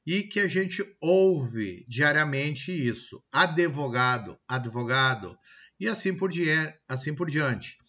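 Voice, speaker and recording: A man with a Brazilian Portuguese accent teaching a recorded grammar lesson, checking in with "tá?" and sounding out example words slowly. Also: fairly high pitch, animated, pushed and bright, highs cut off. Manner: explanatory, pausing with frequent "tá?" and "ok?" checks; slow, deliberate word-by-word example pronunciations.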